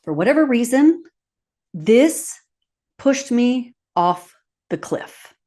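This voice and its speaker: A woman's voice: a little high, sing-song, slow pace, mellow. A woman hosting a podcast who tells a personal story and laughs as she acts out her own quotes. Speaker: podcast host.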